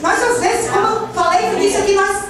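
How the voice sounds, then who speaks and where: A woman with a very high-pitched voice and fairly even intonation talks fast, a crowd audible behind her. She is a pastor from Ceará, Brazil, preaching a fervent Pentecostal sermon in a Cearense Portuguese accent, leading call-and-response and drifting into sung phrases. Recorded from far off in a large, echoey church hall, with music and the congregation in the background.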